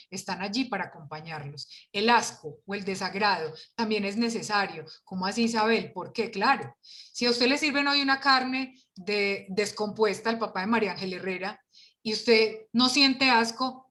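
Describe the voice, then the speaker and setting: A woman leading an online workshop for parents, lively and full of rhetorical questions, heard over a video call. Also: mid-range voice.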